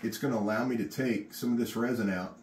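A middle-aged contractor gives a casual, encouraging how-to on epoxy work in an unfinished garage workshop, filmed on a phone camera. His voice is lowish, steady and somewhat dark, and he talks quickly and chattily as he works. The room echoes and there's slight background noise.

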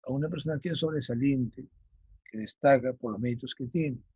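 A male teacher explaining vocabulary for an exam, often checking in with his students and slowly dictating key terms. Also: mid-range voice, mellow, slightly rough, dry recording, muffled recording. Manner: checks understanding with frequent "ya?". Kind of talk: vocabulary lesson for exam prep.

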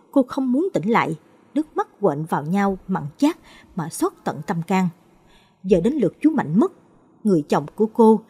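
Expressive woman with a husky voice. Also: medium pitch. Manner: expressive, dramatic reading. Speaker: storyteller. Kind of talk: scripted narration of a ghost story.

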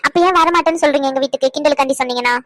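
Woman playing an indignant wife, very fast talk, high voice, scolding, dry close sound. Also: a bit bright, dry recording. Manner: scolding, indignant, rapid-fire. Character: indignant young wife, quick-tempered. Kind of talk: comedy skit dialogue.

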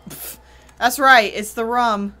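A woman's voice: fairly high pitch, steady tone, slow pace, pushed and bright, soft background music. A woman hosting a horror reaction video who comments casually, ranting and exclaiming in fright.

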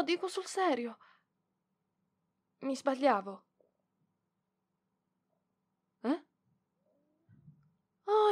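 Here a woman with a fairly high voice performs one side of an ASMR roleplay, playing a proud young librarian who is prickly yet softening. Flustered and hesitant, she speaks indignantly and haltingly, punctuated by sighs.

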